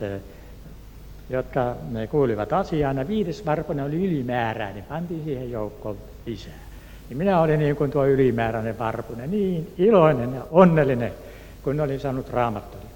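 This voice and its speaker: A man from Turku recounts a personal testimony in an earnest, unhurried voice of ordinary pitch. He acts out the people in his story as he goes. The recording is an echoey hall with a faint hum of background noise. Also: darkish tone. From Turku, Finland. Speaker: speaker giving a personal testimony.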